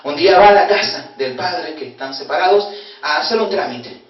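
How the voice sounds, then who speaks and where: High-voiced Argentine pastor in echoey church. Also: male voice, lively intonation, normal speed. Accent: Argentine, from Corrientes. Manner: emotional preaching, swinging between loud exclamation and hushed tones. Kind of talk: sermon with storytelling. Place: church hall. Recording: very echoey hall, distant dull mic.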